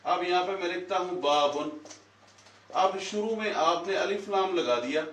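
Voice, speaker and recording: Teacher in an echoey classroom, heard from afar. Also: male voice, sits high, measured pace, a bit bright. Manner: asks questions and repeats the answers. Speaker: Quran teacher. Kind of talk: classroom lesson with a whiteboard. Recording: echoey room, voice from far off.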